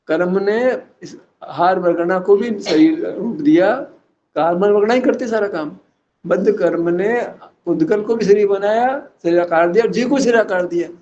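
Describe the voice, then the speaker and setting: A man's voice: sits high, mellow, highs cut off, a little hiss or hum. A man giving a religious philosophical discourse, teasing his listeners with rhetorical questions and chuckling at his own points. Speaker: religious teacher.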